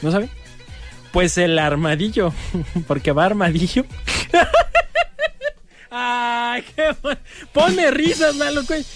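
Man, Mexican accent, radio joke host, high voice, soft music bed. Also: unhurried. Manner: playful, laughs at his own jokes. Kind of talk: joke-telling radio segment.

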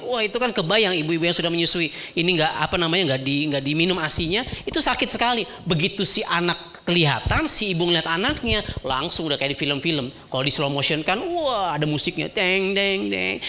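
A man preaching a sermon as an animated storyteller who acts out voices. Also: a little high, fast.

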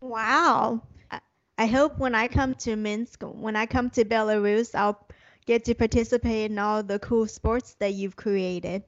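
A woman with a slightly high voice hosts a conversational interview. She sounds affirming and encouraging toward her guest. The recording is a little dull and lo-fi. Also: fairly even intonation, a little slow.

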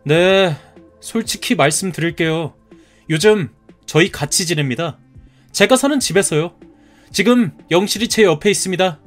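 A man's voice: high voice, moderate pace, faint music behind, close to an everyday voice. A man voicing a polite but defiant groom. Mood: pleading. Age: 30s. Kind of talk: cartoon story dub.

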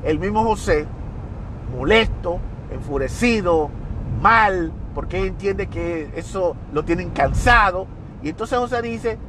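A man's voice: sits high, expressive, measured pace, noisy background. A man hosting a podcast, telling a story emphatically and critically, often repeating his phrases. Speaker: podcast host. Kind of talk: storytelling monologue.

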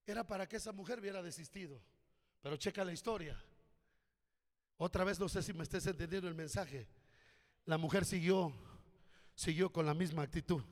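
High-voiced pastor preaching. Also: male voice. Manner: fervent, exhorting congregation. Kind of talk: sermon. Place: church hall. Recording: reverberant church hall.

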